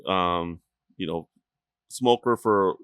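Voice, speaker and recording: A man's voice: sits low, slow, a bit bright, clean tone, dry recording. A man from Chihuahua, Mexico, a restaurant co-owner talking casually as a podcast guest, rambling with lots of fillers and swearing freely.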